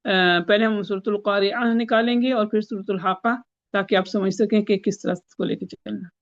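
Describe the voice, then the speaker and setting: A woman teaching Quran recitation rules in an online lesson, explaining slowly and chanting the Arabic verses. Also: mid-range voice, fairly even intonation, highs cut off.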